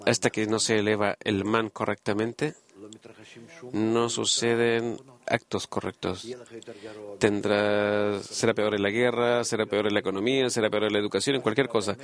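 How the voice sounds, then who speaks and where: A man giving a Spanish voice-over of a conversation, earnest and halting, with many pauses and fillers. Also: fairly low pitch, fairly even intonation.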